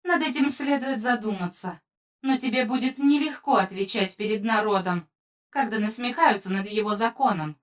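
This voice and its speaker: A woman's voice: medium pitch, recorded from a distance, natural voice. A woman reading as a stern commanding unseen voice. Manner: stern, measured.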